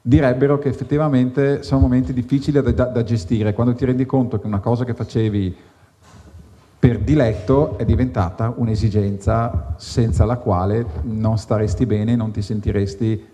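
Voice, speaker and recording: Brief: mellow man, relaxed self-deprecating author, live onstage, long reverb. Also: mid-range voice, moderate pace. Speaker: guest author. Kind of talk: casual live onstage conversation. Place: outdoor tent at an evening wine festival.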